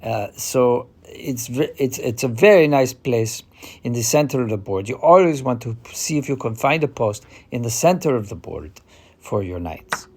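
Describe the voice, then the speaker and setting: Man acting as halting Eastern European chess player. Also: mid-range voice, expressive. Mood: explanatory, measured. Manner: halting, deliberate explanation with frequent hesitations. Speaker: chess player giving a tutorial. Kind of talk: explanatory game commentary.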